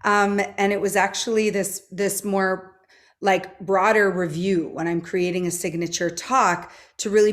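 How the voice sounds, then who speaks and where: A woman taking part in a webinar, sharing her reflections thoughtfully, with hesitant starts. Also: lowish voice. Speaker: workshop participant.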